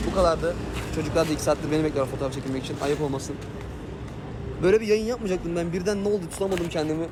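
A man's voice: high-pitched, noisy background. A young man streaming live, ranting angrily in a heated, emphatic way. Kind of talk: angry live stream rant.

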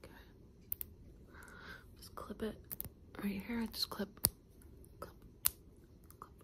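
Softly whispering woman doing ASMR. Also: medium pitch, flat delivery, takes it slowly. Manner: soft whispering, gentle and reassuring. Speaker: ASMR creator. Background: passing car.

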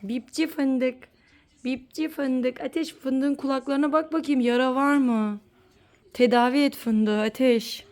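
A woman's voice: high voice, fairly even intonation, measured pace, a little mellow. A mother talking playfully with her sick young son, coaxing and sing-song. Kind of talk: casual play with a child.

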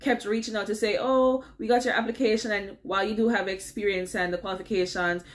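A middle-aged Jamaican-accented woman chats her way through a casual advice vlog from a home office with window blinds. Her voice is mid-range and fast with fairly even intonation, and she keeps checking in with viewers by asking "all right?"

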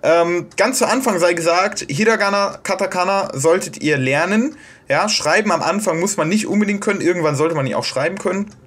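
A man's voice: high voice, fairly quick, fairly bright tone. A man from Germany explaining pronunciation in a casual, hesitant tutorial, with many fillers and restarts. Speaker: video host explaining Japanese pronunciation. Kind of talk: casual self-made tutorial.

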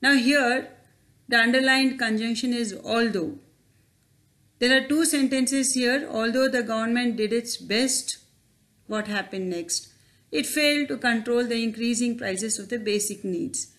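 A woman's voice: fairly high pitch, measured pace, a bit bright. A woman teacher, explaining grammar over slides in a careful, questioning way. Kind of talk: slide-based grammar lesson.

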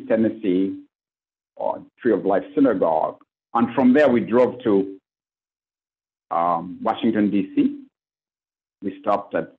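A Ugandan priest with a lowish, slightly rough voice speaks on a conference panel over a video call from a plain indoor room. His delivery is earnest and list-like, sprinkled with fillers, and the webcam audio has a phone-like quality.

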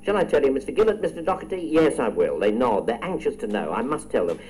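A man hosting a radio quiz, his voice rising and falling in a lively way as he reads out questions. He teases the contestants with playful, chatty asides. A faint hiss sits under the recording. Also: mid-range voice, quick pace, poor audio. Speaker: quiz show host.

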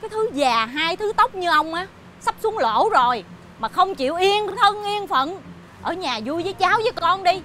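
A woman's voice: very high-pitched, expressive, moderate pace, pushed and bright, slight background noise, full character voice. An actress playing an angry middle-aged wife scolding her cheating husband scornfully, over background music. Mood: furious.

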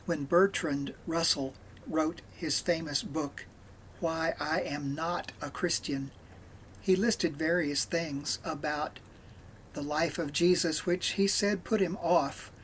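A man leading a morning devotional, reading scripture aloud in a measured way with pauses. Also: fairly high pitch, fairly even intonation, slight background noise. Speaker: devotional leader.

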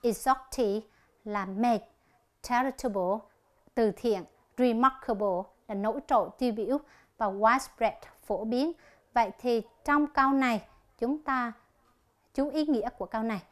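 A woman teaches an English lesson on television, with a voice that sits somewhat high. She works through each exercise in a slow, deliberate way and reads the answer options aloud one by one.

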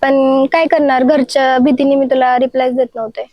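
A woman's voice: high voice, flat delivery, brisk, lo-fi sound, a little hiss or hum. A young woman playing a worried, scolding schoolgirl in a comedy sketch. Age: teens. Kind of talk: acted comedy sketch dialogue.

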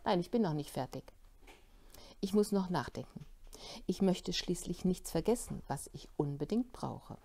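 A woman's voice: fairly low pitch, lively intonation, moderate pace, warm tone. A woman voicing a stubborn young boy in a storybook reading, defiant and insistent. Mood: earnest. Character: stubborn young boy facing a hospital stay.

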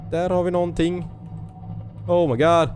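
A man with a high voice hosts a gaming let's play, with faint music playing behind him. He's excitable and skittish, letting out nervous exclamations, joking, muttering to himself, and talking to the game's creatures.

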